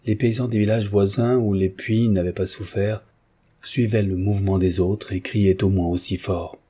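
A man reading a novel aloud in measured, literary audiobook narration. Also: on the low side, steady tone, mellow, slightly rough.

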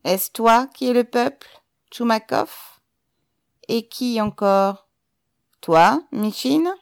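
A woman's voice: fairly high pitch, expressive, slow, vocal fry, no echo, studio quality, pitched above the performer's own voice, exaggerated voice. A woman voicing a cold, brutal middle-aged police commissioner who barks contemptuous commands in an audiobook. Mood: cold contempt.

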